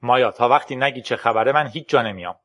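A man's voice: mid-range voice, a bit bright, dry recording, studio quality, natural voice. A man reading a storybook's lines for an anxious young man, uneasy and pleading.

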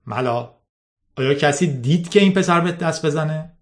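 A man's voice: a little high, pitched above the performer's own voice, close to an everyday voice. A man reading an audiobook, voicing a middle-aged boss who sounds fatherly but controlling. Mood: stern. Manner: smooth, condescending, controlling. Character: middle-aged male boss, falsely paternal, hard.

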